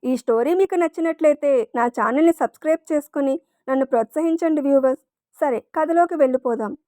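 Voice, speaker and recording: A woman's voice: high-pitched, a little fast, mellow, no echo, clean studio sound. A woman storyteller reading a romance story aloud, giving the dialogue small shifts of voice. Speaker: storyteller and channel host.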